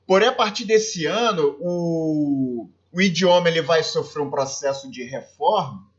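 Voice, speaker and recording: Brazilian man teaching in a high voice. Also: dull audio. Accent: Brazilian Portuguese. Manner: explains step by step, checks with "ok?" and "né?". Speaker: Spanish teacher. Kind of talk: recorded classroom lesson.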